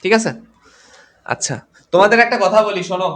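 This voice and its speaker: A man's voice: sits high, fairly quick, a bit bright. A tired man teaching chemistry in a live online class, greeting students by name as he goes. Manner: reads out comments and greets students by name, mixes English terms. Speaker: chemistry tutor.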